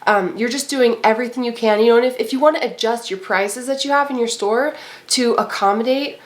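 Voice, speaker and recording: A woman's voice: fairly high pitch, brisk. A woman, possibly in her thirties, chatting casually to camera with a congested, nasal voice from a cold, rambling with lots of fillers. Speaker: vlogger and eBay reseller.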